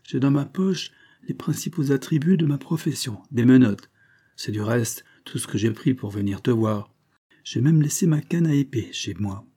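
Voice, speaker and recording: A man's voice: mid-range voice, lively intonation, moderate pace, dark tone, slightly rough. A man voicing a small, frail, ironic police agent in a storybook reading, with a teasing, mocking manner.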